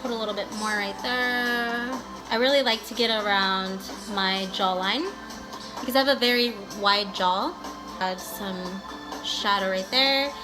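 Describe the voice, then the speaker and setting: Music plays clearly behind a woman with a fairly high voice. She talks like a beauty vlogger walking viewers through a tutorial, casual and chatty. Her manner is bubbly and gushing, with playful sing-song touches. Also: low-quality recording. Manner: bubbly and gushing, with valley-girl style "like" and "guys"; playful, breaks into sing-song bits and exclamations.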